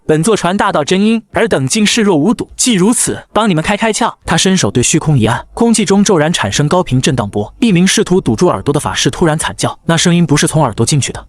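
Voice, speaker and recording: A man narrates a fantasy tale in quick, dramatic scripted bursts. His voice sits slightly high, and the delivery moves very fast. The recording is close and dry. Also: no echo. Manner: rapid, dramatic storytelling.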